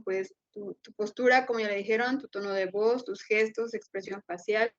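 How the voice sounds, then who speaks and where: A woman argues her side of a debate over a video call, listing points earnestly with fillers. Her voice is slightly high. The audio is muffled and lo-fi. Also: a bit bright. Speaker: debate participant. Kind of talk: presenting an argument.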